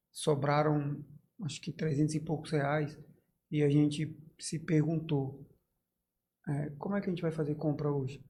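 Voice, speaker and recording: A man's voice: on the high side, darkish tone, a little hiss or hum. Emotional man. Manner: earnest, halting, with many restarts and quoted dialogue. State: voice catching with emotion. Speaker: podcast guest, bakery founder. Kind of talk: emotional personal storytelling in a podcast interview.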